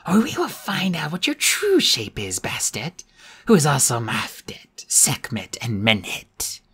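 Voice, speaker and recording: A man voicing a possessed young girl who speaks in a slow, harsh, croaking whisper, as if an ancient power talks through her. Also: medium pitch, huge pitch swings, exaggerated voice. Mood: menacing. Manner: slow, menacing, hushed.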